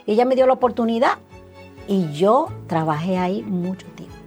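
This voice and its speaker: A middle-aged woman from the Dominican Republic with a Dominican Spanish accent, a guest telling her life story in a casual interview, animated and acting out past conversations with many fillers. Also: medium pitch, normal speed, faint music behind. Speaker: interview guest, insurance agency owner.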